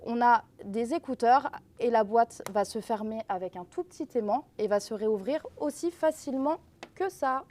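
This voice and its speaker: Woman, fairly high voice, product demonstrator, explanatory delivery, addressing viewers. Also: moderate pace, a little mellow. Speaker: brand representative presenting earbuds. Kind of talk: live product presentation.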